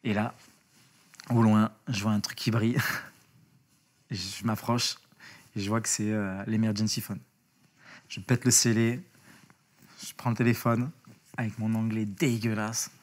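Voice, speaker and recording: A man speaking as an interview guest, telling a story in a casual, lively way, with slang, swearing and many restarts. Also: lowish voice, a little slow, long pauses.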